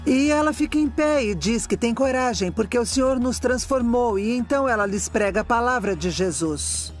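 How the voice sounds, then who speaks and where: High voiced brazilian dub guy explaining stuff, storyteller vibe. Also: lively intonation, normal speed. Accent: Brazilian Portuguese. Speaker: expert interviewee, dubbed. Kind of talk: documentary voice-over dub. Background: faint music.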